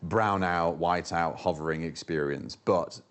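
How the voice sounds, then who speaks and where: A man's voice: low-pitched, unhurried, clean tone. A man speaking as a developer guest, thoughtfully explaining design goals at length. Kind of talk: casual panel chat.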